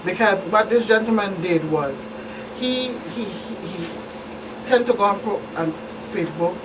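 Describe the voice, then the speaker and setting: A woman with a Virgin Islands Caribbean accent appears as a police officer and expert guest on a talk show, explaining things plainly with emphatic repetition. Her mid-range voice is animated at normal speed, recorded on a distant mic in a clearly noisy room with hum.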